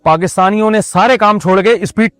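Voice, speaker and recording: Man, religious sermon, chatty and joking, fairly high voice, dry sound, faint music behind. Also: a little fast, fairly bright tone, no room sound. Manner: conversational, joking asides to the audience. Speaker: Islamic preacher.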